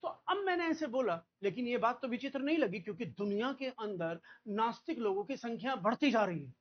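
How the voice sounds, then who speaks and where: A man from India teaching a vocabulary lecture, repeating key words and checking understanding with quick questions. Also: very high-pitched, expressive, lo-fi sound.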